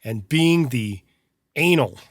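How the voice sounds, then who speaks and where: A man's voice: mid-range voice, animated, takes it slowly, dry recording. Podcast guy talking shop, kinda sarcastic and picky, dead dry sound. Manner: dry, sarcastic, self-described fussy about files. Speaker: podcast co-host, mixing engineer. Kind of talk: casual chat. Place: studio.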